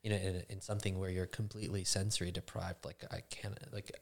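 Man, low voice, reflective, halting, casual talk. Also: flat delivery. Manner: reflective, halting, many "like" and restarts. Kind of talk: casual conversation.

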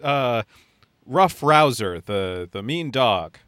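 A man co-hosting a casual comedy podcast who drops wry, deadpan quips. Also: mid-range voice, slow, clean tone, dry recording, clean studio sound. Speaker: podcast co-host.

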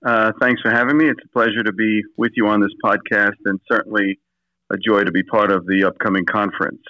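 A man's voice: lowish voice, steady tone, fairly quick, dry recording. A man on a phone call, answering as an interview guest, hesitant with many fillers and restarts. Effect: heard over the phone. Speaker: assistant pastor, phone-in guest. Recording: dull lo-fi phone line, dry.

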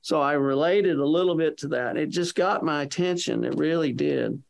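A man's voice: a little high, moderate pace, creaky. A man being interviewed, telling a long personal story in a rambling way, full of "you know" fillers, and acting out what other people said. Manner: acts out quoted speech of others.

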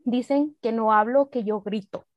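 A woman from northern Mexico with a northern Mexican accent, a guest telling stories in a relaxed, casual way with fillers. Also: on the high side, normal speed, no room sound, lo-fi sound. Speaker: podcast guest. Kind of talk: casual conversational interview.

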